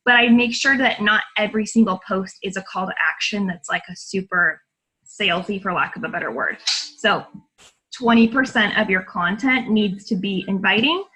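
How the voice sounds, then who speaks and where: A woman coaching new coaches on a call, chatty and encouraging, talking quickly with lots of fillers. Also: mid-range voice, pushed and bright, breathy edge, low-quality recording. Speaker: fitness coach. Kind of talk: coaching call, casual talk.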